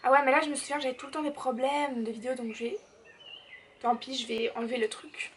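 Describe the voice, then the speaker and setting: A woman's voice: sits high, level tone, brisk. An eighteen-year-old woman, chatting casually as she answers viewer questions in her vlog, full of fillers. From Belgium. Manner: chatty and bubbly, lots of fillers and "genre". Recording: slightly distant mic, faint background noise.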